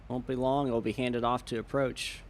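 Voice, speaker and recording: A man's voice: mid-range voice, little pitch movement, moderate pace. A man streaming a flight simulator, chatting casually with viewers as he flies. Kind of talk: casual live-stream chat while flying. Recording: faint background noise.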